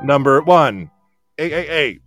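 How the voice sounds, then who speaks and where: A man putting on a robot voice to play a female AI program that reads out numbered lists in a slow, measured way. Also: a little high, expressive, a bit bright, soft background music. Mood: deadpan.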